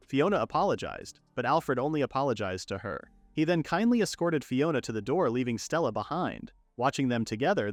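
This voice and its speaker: A man narrating a story in a steady, scripted storytelling voice, retelling every line of dialogue himself. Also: mid-range voice, no room sound. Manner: steady storytelling, all dialogue retold in third person. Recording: dry close voice-over with faint music.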